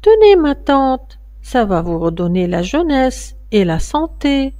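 Storybook little girl, kind and polite, high and bright, voiced by a woman reader. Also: sing-song, takes it slowly, full character voice. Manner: bright, courteous.

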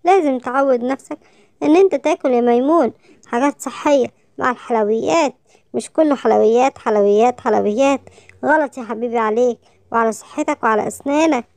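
A woman voicing a kindly grown-up uncle with an Egyptian Arabic accent, gently warning a child in a storybook. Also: on the high side, quick pace, dry recording, lightly acted. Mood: coaxing. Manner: gentle scolding, affectionate.

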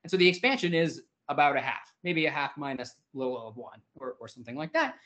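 A man giving an academic seminar talk, explaining ideas informally, with many "sort of" hedges and quick self-corrections. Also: mid-range voice, expressive, fairly bright tone. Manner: informal, hedging with "sort of" and restarts. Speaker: invited speaker.

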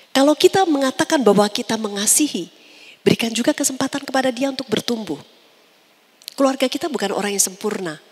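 A woman's voice: mid-range voice, breathy edge. A woman giving an earnest, exhorting church seminar talk. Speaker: seminar speaker. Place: church hall. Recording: long hall reverb.

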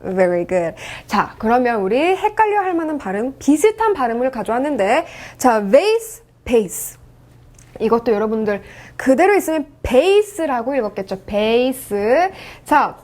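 A young woman teaching an online English pronunciation lesson, coaching the viewer and repeating words slowly to be copied. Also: high voice, a little mellow.

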